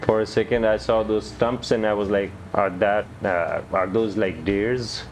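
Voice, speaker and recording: A man giving relaxed gameplay commentary, thinking aloud with hesitant restarts. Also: fairly low pitch, a little slow, a little hiss or hum. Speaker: gamer.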